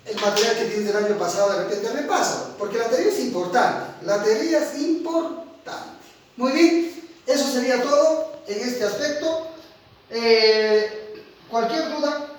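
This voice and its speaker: Middle-aged guy teaching a class online, high voice, goes loud then soft, keeps asking if students follow, super echoey room. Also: far from the mic, slight background noise. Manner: animated, swings between loud and quiet, asks "¿sí o no?".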